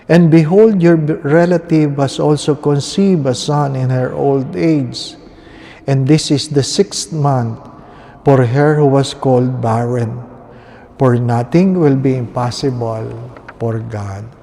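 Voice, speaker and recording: A man with a Filipino accent speaking as a priest at Mass, solemn and deliberate, pausing between short phrases in a church with cathedral echo. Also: medium pitch, gravelly, dark tone. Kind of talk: solemn scripture reading and homily. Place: inside a large reverberant church.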